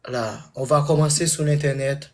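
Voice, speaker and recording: A man's voice: a little high, fairly even intonation, normal speed. A man who is not a native French speaker, flirting casually in broken French, groping for words and repeating them. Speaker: suitor in a live online matchmaking chat.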